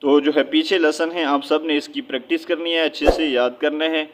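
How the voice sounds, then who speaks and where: A man with a Pakistani accent teaching a Quran reading lesson, spelling out syllables slowly and then joining them, and checking often whether his listeners follow. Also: a little high, steady tone, heavy background noise. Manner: checks understanding with a repeated "okay?".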